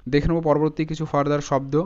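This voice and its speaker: Male teacher, careful syllable-by-syllable delivery, clear resonant tone, muffled lo-fi sound. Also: on the high side, flat delivery, a little mellow. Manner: slow, deliberate spelling out of letters and syllables. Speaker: English teacher. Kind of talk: spoken lesson breaking words into syllables. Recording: dull lo-fi sound.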